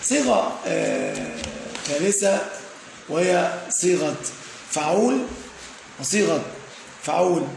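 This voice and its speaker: Male grammar teacher, high gravelly voice, echoey room with faint hum, "aah" fillers. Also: expressive, darkish tone. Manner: frequent "aah" fillers and checking "tamam?"; slowly stresses word patterns, listing examples. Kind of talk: explanatory grammar lesson.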